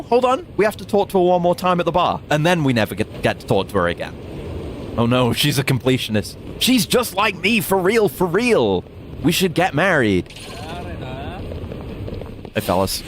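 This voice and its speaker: A man's voice: on the high side, sing-song, normal speed, long pauses, a bit bright, a little hiss or hum. A young man casually commentating a game stream with joking, sarcastic asides.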